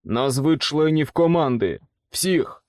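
A man voicing an aggressive male ex-soldier who shouts loud, commanding orders. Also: fairly high pitch, expressive, slow, no room sound, studio quality. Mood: barking orders.

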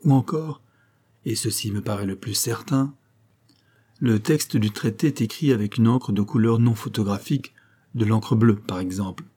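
A man voicing a calm, methodical male police detective in an audiobook, with a measured, explanatory delivery. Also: on the low side, breathy edge. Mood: explaining. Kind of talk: audiobook character reading.

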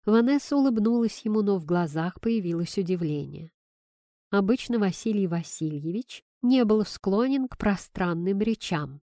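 A woman narrates a warm family story in an even, gentle reading voice. Her pitch sits in the middle for a woman. The recording is close and dry, with no room sound. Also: moderate pace, no room sound.

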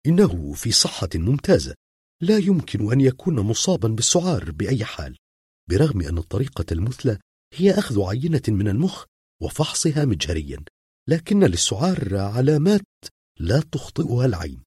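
A calm male vet speaks in a lifted, lively voice, as a man reading the story puts him on, reassuring with a dry, sarcastic edge. The voice is husky and close. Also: medium pitch, brisk, no echo, pitched above the performer's own voice, heavily acted. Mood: wry. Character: calm, wry male veterinarian. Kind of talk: audiobook reading.

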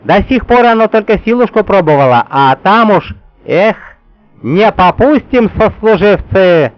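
Brief: male reader doing a bossy old crone, grumbly, pitched high, old-timey talk. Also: animated, measured pace, no room sound, highs cut off, faint music behind. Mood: bossy rallying. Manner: grumbling, folksy, old-fashioned speech. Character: grumbling old female witch, bossy and brisk.

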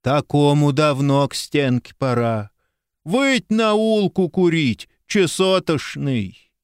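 A stern village medic woman answers slowly and curtly, her scorn raised a little above the reader's own voice, as a man puts her on. The storybook reading sounds dry and close. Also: on the high side, clean tone, no echo. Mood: scornful. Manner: slow, curt and scornful.

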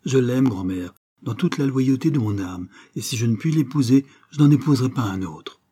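A man's voice: medium pitch, lively intonation, moderate pace, dark tone, breathy edge. A man voicing a sincere young woman of twenty-one in an audiobook of a novel, speaking firmly and from the heart. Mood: earnest. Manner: firm, heartfelt and earnest.

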